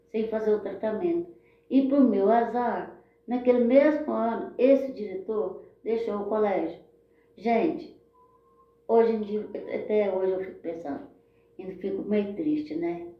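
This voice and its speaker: A woman's voice: medium pitch, normal speed. A Brazilian woman shares her personal story in a heartfelt, rambling way, often turning to her listeners. The sound is dull and lo-fi, with strong echo around her voice. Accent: Brazilian Portuguese. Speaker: storyteller sharing her life.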